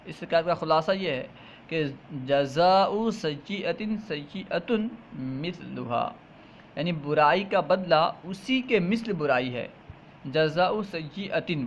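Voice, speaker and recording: Man slowly explaining a text line by line. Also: fairly high pitch, a bit bright. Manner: reads a phrase, then explains it slowly and repeats it. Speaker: teacher. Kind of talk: line-by-line Arabic text lesson with translation. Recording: muffled lo-fi with faint hiss.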